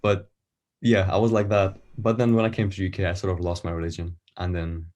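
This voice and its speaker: A man from Iran, an artist guest on a podcast, talking casually and thinking aloud with many pauses and fillers. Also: deep voice, flat delivery, darkish tone.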